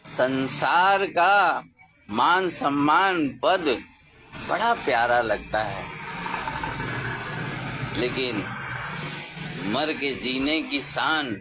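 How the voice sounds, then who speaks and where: A man preaching a sermon slowly and emphatically, raising his voice for stress. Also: medium pitch, background noise. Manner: slow, emphatic, with rising exclamations.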